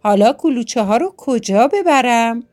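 A woman voicing a cheerful, gentle little bear cub in a children's storybook, speaking earnestly and with wonder. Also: a little high, expressive, close to an everyday voice. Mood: musing.

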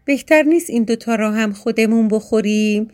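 A woman voicing a greedy, sharp-tongued crow in a children's story, speaking curtly and scolding. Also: fairly high pitch, lightly acted. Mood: snappish. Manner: curt, scolding.

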